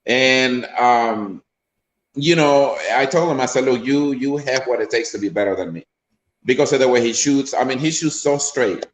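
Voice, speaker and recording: A man with a Honduran accent talks about his son in a casual interview. He rambles and restarts often, at a middle pitch. The room around him rings with echo. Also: moderate pace. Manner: rambling, full of fillers and restarts. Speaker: player's father.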